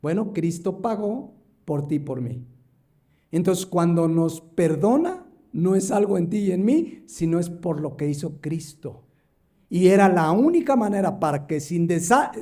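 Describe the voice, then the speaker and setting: A man's voice: high-pitched, dark tone. A male pastor preaching a sermon, emphatic, rising and dropping his voice for stress and acting out quoted speech. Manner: acts out quoted voices in the parable.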